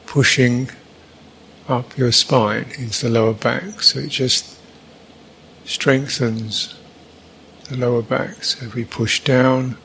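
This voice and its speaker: A meditation teacher guides a session at a very slow pace, his gravelly, medium-pitched voice staying flat and even. He delivers short, halting instructions separated by long gaps. The recording is rough, with slight background noise.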